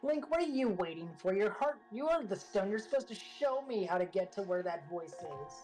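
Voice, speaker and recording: A woman's voice: medium pitch, sing-song, normal speed, darkish tone, natural voice, low-quality recording. A woman voicing a brash, impatient young tomboy pirate girl from a video game, sassy and blunt. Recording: game music behind the voice.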